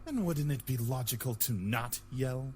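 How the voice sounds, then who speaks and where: A woman voicing an irritable young man who is not a morning person, in a lowered voice. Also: normal speed. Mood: grumpy.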